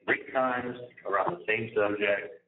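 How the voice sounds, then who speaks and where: Guy ranting on a prison phone, lowish voice, sweary, echoey and tinny line. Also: steady tone, unhurried. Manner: sweary, emphatic, repetitive. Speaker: jail inmate on a phone call. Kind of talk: casual venting conversation. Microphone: telephone handset.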